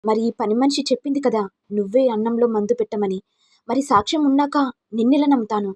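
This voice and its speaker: A woman's voice: fairly high pitch, brisk, slightly rough, no echo. A woman voicing an angry older father-in-law who rebukes his daughter-in-law. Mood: angry rebuking. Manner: rebuking, indignant.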